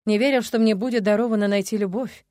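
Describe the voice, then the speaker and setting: A woman voicing a calm, tender dragon lord. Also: mid-range voice, quick pace, no echo, close to an everyday voice. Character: confident dragon lord, tender toward his beloved.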